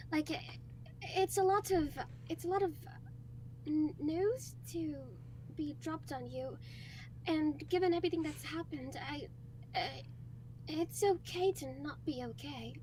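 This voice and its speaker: Woman player, very high bright voice, hesitant and giggly, light hiss. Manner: hesitant, filler-heavy, giggly. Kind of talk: in-character tabletop play.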